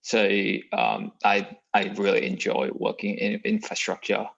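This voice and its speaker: A young man with a Vietnamese accent answers interview questions earnestly, pausing often on fillers. His voice is low with a gravelly fry. The sound is dull, like a video call. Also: expressive. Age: young adult. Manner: hesitant, many fillers, earnest. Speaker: MBA applicant.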